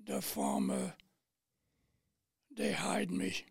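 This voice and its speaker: A Parisian man in his late nineties, a war veteran appearing as an interview guest, recounts his personal memories in plain, halting, French-accented English, pausing between phrases. His high, raspy, thin, breathy voice is very husky, breaks into heavy fry, and swoops wildly in pitch. The recording is dry and studio quality.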